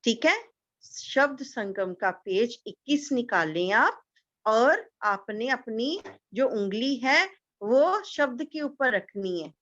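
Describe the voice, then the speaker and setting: Slow, patient woman teaching little children. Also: a little high, animated, a bit bright, highs cut off. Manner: slow, patient, repeats each word for children to echo. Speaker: kindergarten teacher. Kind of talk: online class lesson for young children.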